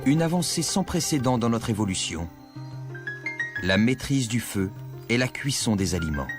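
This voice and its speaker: A man narrating a scripted nature documentary in a measured, explanatory storytelling manner. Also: medium pitch, big pitch swings. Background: music.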